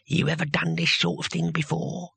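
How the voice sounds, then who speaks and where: A gruff old barbarian growls his threats in a damp, squelchy voice, as a man reads him. His timbre sounds strange and unlike a normal voice, and the tone is bright and clipped. The recording is dry and close, like a storybook. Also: a little high, flat delivery, normal speed, no room sound, exaggerated voice. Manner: blunt threatening whispers. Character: very old wiry male barbarian, menacing and gruff.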